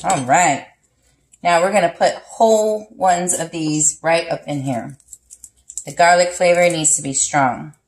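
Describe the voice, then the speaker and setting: A woman with a fairly low voice talks through a recipe in her home kitchen. Her tone is relaxed and chatty, and she counts out spice shakes as she goes. She is recorded by a camera sitting on the counter. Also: a little slow, a little hiss or hum. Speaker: cooking vlog host. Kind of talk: casual cooking demonstration.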